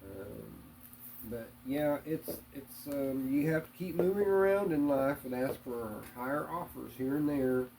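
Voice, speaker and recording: Hesitant man, mellow voice. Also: medium pitch, unhurried, a little hiss or hum, low-quality recording. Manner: hesitant, many ums and uhs; plainspoken, religious. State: hiccups. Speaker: interviewee. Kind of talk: casual interview answers.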